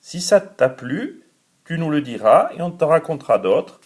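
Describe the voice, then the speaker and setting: A man's voice: on the high side, sing-song, moderate pace, darkish tone. An older man closing a bedtime story for a grandchild.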